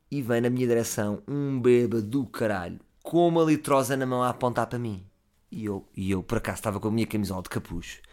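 A man with a European Portuguese accent tells a comic anecdote at a brisk clip. He swings from loud bursts to low asides, with an average pitch for a man. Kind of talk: comic storytelling.

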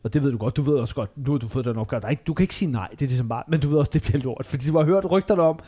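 A man in his thirties hosting a casual comedic podcast chat, telling stories with animated, self-mocking asides. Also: mid-range voice. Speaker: podcast host.

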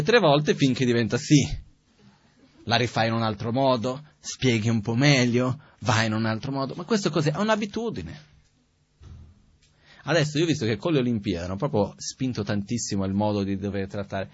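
A man giving a Buddhist teaching in a calm, conversational way, asking rhetorical questions as he goes. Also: medium pitch, breathy edge. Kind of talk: spoken dharma teaching. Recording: dull, dry, lo-fi recording.

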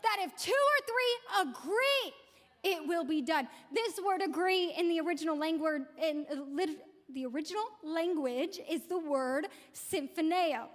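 Very high-voiced woman pastor preaching. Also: expressive, unhurried, in a large hall. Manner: emphatic, repeats key words. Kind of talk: sermon. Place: church sanctuary.

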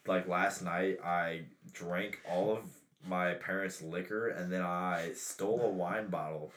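A young man from Louisiana with a very low voice, telling loose, rambling stories packed with fillers. Light noise hums faintly behind him. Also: steady tone, measured pace, fairly bright tone, echoey room. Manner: rambling, filler-heavy, says "dude". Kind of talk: casual chat, storytelling.

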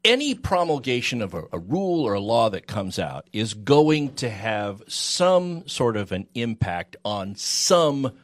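Animated man explaining a legal argument. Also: medium pitch, measured pace, few pauses. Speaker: legal talk radio panelist. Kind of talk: unscripted legal discussion.

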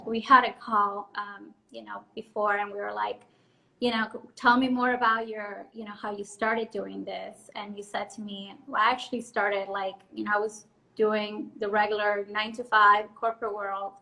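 A woman's voice: medium pitch, steady tone, moderate pace, vocal fry, pushed and bright, poor audio. A woman hosting an interview, prompting her guest in casual chat with many you-knows. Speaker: host.

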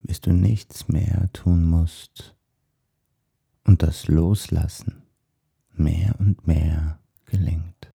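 A man with a soft, husky, breathy voice guides a meditation in a hushed, soothing manner, leaving long pauses. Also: sits low, fairly even intonation. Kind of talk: guided meditation, body scan.

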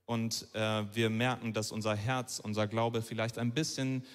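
A man's voice: medium pitch, flat delivery, moderate pace, clear, resonant tone. A man interpreting a sermon live, phrase by phrase, often hesitating with fillers. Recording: long reverb of a large hall.

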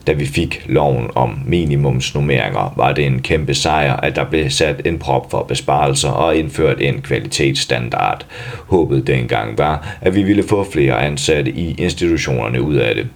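A man reading a news article aloud in a steady, even way, even speaking the punctuation. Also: extremely low pitch.

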